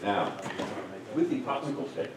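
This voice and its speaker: A middle-aged man instructing a group in a hands-on demonstration, relaxed and joking as he works. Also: mid-range voice, normal speed. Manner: relaxed, jokey, talks while working. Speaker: first aid instructor. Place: room with participants. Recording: echoey room, distant mic, noisy.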